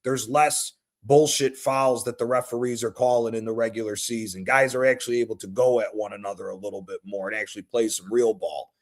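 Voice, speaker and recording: A man's voice: on the low side, steady tone, fairly quick, hardly any pauses. A man in his thirties hosting a casual sports chat, laid-back and swearing freely, repeating his points. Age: 30s. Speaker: show host.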